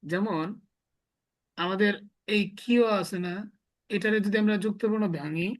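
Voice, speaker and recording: A man with a high-pitched voice and measured pace teaches a small class. He explains things step by step and quizzes his students by asking the same question again and again.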